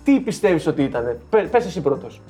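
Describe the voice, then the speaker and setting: Animated young man with a high voice. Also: faint music behind. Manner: animated storyteller. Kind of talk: casual chat among friends.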